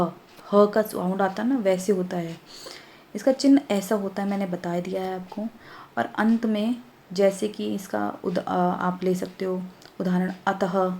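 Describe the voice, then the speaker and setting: A woman teacher giving a children's grammar lesson, explaining slowly, repeating points and checking understanding as she goes. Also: medium pitch, a little mellow, slight background noise.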